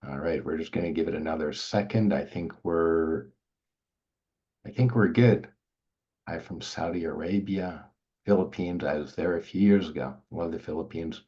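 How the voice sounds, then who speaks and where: An older man from Montreal, Canada, the founder of an organization, co-hosts a casual webinar from home, chatting loosely and greeting viewers by name as they arrive. His very deep voice is warm and moderately paced. Picked up by a laptop mic on a video call, the audio sounds dull and lo-fi.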